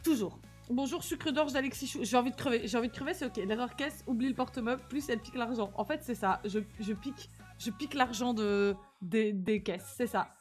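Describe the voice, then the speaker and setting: A woman's voice: a little high, fairly quick, faint music behind. A young woman with a slight lisp and slushy s sounds, chatting casually and animatedly in slang as she livestreams. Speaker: live streamer.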